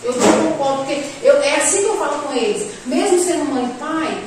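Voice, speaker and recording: A woman, a mother taking part in a church class, talking casually and quoting her son. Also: sits high. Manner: talks fast, quotes her son. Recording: echoey room, distant mic, background noise.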